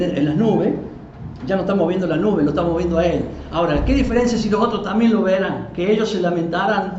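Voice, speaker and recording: A man who is a pastor, giving a live Bible teaching in a conversational, animated way and acting out quoted voices. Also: sits high. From Argentina. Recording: roomy, dull live recording with faint noise.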